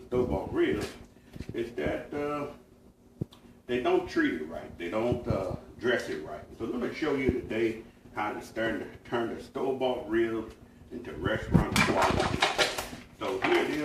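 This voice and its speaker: A man giving a casual cooking demonstration as a pitmaster, talking in a folksy, homespun way with plenty of fillers. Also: lowish voice. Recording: echoey room, mic at a distance, faint noise.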